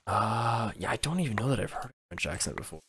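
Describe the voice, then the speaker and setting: Over some background noise, an American man talks fast in a lowish, expressive voice during a casual gaming livestream. He rambles to his viewers, frequently breaking off mid-thought to restart or correct what he's saying.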